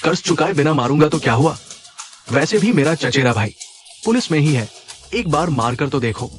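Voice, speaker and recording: A bullying loan shark, played by a man sneers out threats in a lively, swinging voice. Light music runs quietly behind the dubbed drama dialogue. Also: a little high, normal speed, close to an everyday voice. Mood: menacing. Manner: menacing, sneering.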